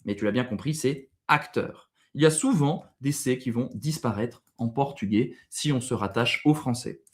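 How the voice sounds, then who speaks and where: A man teaching a video language lesson in French, quizzing the viewer and saying example words slowly and clearly. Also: medium pitch.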